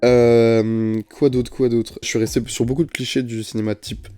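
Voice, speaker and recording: A man's voice: mid-range voice, level tone, moderate pace, dark tone, smooth, dry recording, faint music behind. A young man, guest in a casual film debate, speaking hesitantly and searching for his opinion. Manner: hesitant, unsure, searching for words.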